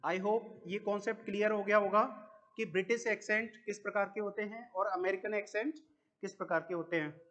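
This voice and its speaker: A man's voice: high voice, fairly even intonation, fairly bright tone. A man with an Indian accent teaching an English lesson, asking questions and answering them himself, repeating each word. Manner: explains slowly, repeats words, asks questions then answers them. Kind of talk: classroom lesson.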